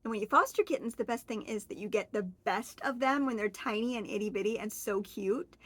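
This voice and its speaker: A vlogger in her forties from Oregon chats alone to camera, rambling in a friendly way with fillers and self-corrections. Her voice is medium in pitch, a bit bright, and has a breathy edge.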